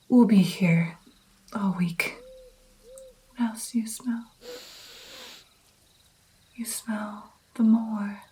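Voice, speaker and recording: A woman playing a gentle vampire mentor in an ASMR roleplay, soft, breathy and mostly whispered, coaxing and encouraging her pupil with pauses. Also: medium pitch, slight background noise. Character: gentle female vampire patiently training her new darkling. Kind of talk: ASMR personal attention roleplay.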